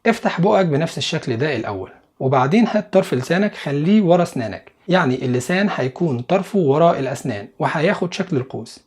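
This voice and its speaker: Egyptian man, beginner pronunciation lesson, slightly high voice, patient drills. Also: animated, breathy edge. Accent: Egyptian Arabic. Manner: patient, repeats each sound slowly and reassures the learner. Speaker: English pronunciation teacher.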